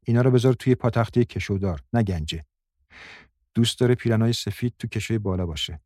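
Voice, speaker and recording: A man's voice: fairly low pitch, warm tone, no echo, clean studio sound, close to an everyday voice. A man voicing a bitter, resentful grown woman who talks sharply and scolds in an audiobook. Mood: curt.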